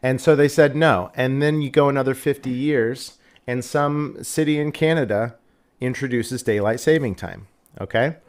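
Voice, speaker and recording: A man's voice: medium pitch, normal speed. A man hosting a casual live stream who rambles through a jokey story. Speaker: host.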